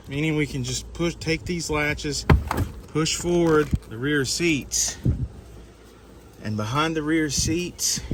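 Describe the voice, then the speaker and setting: A man's voice: medium pitch, fairly bright tone, a little hiss or hum. A man giving a patient step-by-step car repair walkthrough, guiding a helper as he goes.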